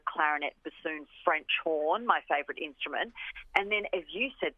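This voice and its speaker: A low-voiced orchestra representative, interviewed on the radio by phone, speaks with enthusiasm and emphasis and repeats phrases often. The telephone audio is tinny and band-limited, and the recording is dry.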